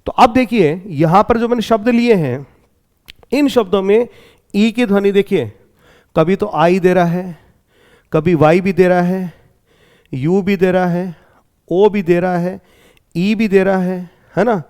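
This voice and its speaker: High-voiced Indian man teaching pronunciation. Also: measured pace, pauses often, darkish tone. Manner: explains step by step, checks in with 'clear?'. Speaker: English teacher. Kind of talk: exam-prep lesson.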